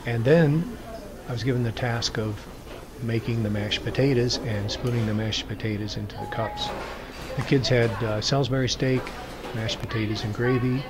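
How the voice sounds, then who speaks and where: A man reporter, narrating his day in plain, measured words with frequent pauses. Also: mid-range voice, steady tone, background noise. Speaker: local news reporter. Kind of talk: recorded voice-over narration.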